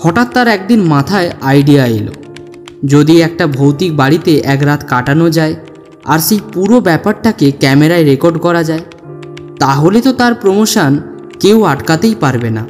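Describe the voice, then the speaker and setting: With a fairly high pitch and lively intonation at a normal pace, a male narrator reads a scripted ghost story in a dramatic, suspenseful style. Background music runs under his voice, which echoes with long hall reverb.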